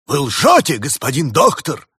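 A man's voice: medium pitch, animated, brisk, a little mellow, slightly rough, no room sound, studio quality, pitched above the performer's own voice. A man voicing a stern, commanding male spirit of winter in a read-aloud fairy tale, declaiming indignantly. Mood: solemn.

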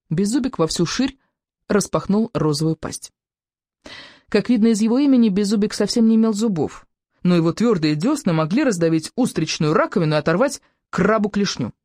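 A woman narrating an audiobook for children in an animated, playful storytelling manner. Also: fairly low pitch, no room sound, clean studio sound.

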